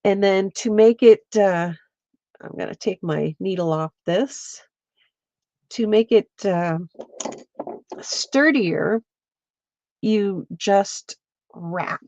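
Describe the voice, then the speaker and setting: A woman with a stuffy, congested voice, slowly walking viewers through a craft step by step and chatting with them as she works. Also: mid-range voice, darkish tone, no room sound. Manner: slow, meandering, chats with viewers while working. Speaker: craft livestreamer. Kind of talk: casual craft demonstration. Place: home, at her lap.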